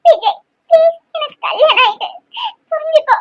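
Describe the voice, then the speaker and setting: A woman's voice: very high-pitched, lively intonation, moderate pace, dry recording, muffled recording. A woman voicing a young newly married woman in a cartoon, frantic and tearful, pleading and scolding by turns.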